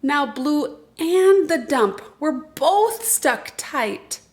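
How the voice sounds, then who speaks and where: A woman narrates a picture book for young children. Her voice sits very high. She reads slowly and expressively, keeping a deliberate rhythm. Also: animated. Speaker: children's storytime reader.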